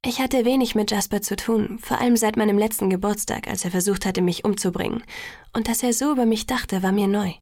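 A woman reads a first-person novel as an audiobook at an even, measured pace. Her voice has a gravelly creak, and the recording is very dry and close. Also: mid-range voice, no echo. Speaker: audiobook narrator.

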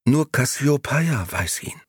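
Narrator doing a tiny frozen girl, weak and stammery, slow, higher than his own voice. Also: lively intonation, husky, no echo, studio quality, exaggerated voice. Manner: weak, faltering, halting. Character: little girl, frozen and barely conscious, stubborn.

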